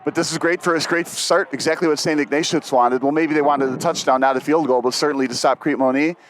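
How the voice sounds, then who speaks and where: A man giving color commentary on a football game, explaining the play in a relaxed way. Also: on the high side, fast, a little hiss or hum, low-quality recording. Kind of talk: live sports commentary.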